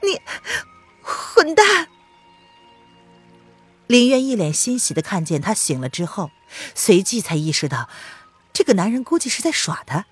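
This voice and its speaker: A woman narrating an audiobook in an expressive storytelling read. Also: medium pitch, brisk, slightly rough, faint music behind.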